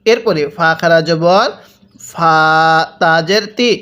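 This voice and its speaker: A man teaching Quran reading, spelling out letters and drawing out syllables slowly, and repeatedly prompting the learner to read along. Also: fairly high pitch, fairly bright tone. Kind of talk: spelled-out recitation lesson.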